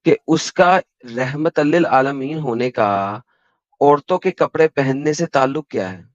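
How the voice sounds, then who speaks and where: A man with an Indian Hindi accent, hosting a heated online debate and pressing his points with rapid-fire verse references. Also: medium pitch, no echo. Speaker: debate host. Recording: dull, dry call audio.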